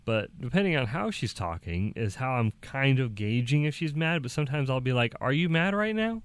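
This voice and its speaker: A young man talking casually to the camera, halting and restarting, with small laughs between thoughts. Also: mid-range voice, expressive, no room sound. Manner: acts out quoted dialogue in a raised voice. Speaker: vlogger.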